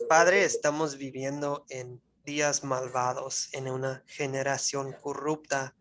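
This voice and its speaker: Speaking slowly at a medium pitch with little pitch movement, amid crowd noise, a teacher gives a live online Bible course lecture in Spanish, not their native tongue. The style is conversational, with frequent check-ins, restarted phrases as they grope for words, and a closing prayer.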